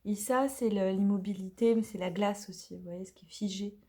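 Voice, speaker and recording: A woman's voice: medium pitch, brisk, dark tone. A woman casually unboxing and reviewing an oracle card deck, talking chattily with many hesitations and now and then dropping to a whisper.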